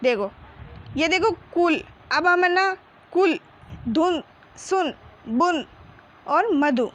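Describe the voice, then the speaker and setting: A woman's voice: very high voice, lively intonation, takes it slowly, dull audio. A woman teaching a children's Hindi reading lesson, patiently spelling out each syllable and blending them into words.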